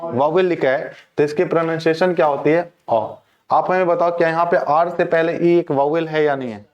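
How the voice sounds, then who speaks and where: A man's voice: a little high, steady tone, a little fast, muffled recording. A male teacher giving a classroom lecture on English pronunciation. He keeps asking the class questions and then answering them himself.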